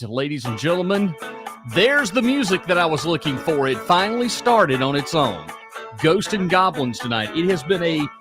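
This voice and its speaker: The host loud, showy man hosting. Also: on the high side. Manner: loud, showy, playful announcer delivery. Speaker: radio show host. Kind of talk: casual call-in-style show banter.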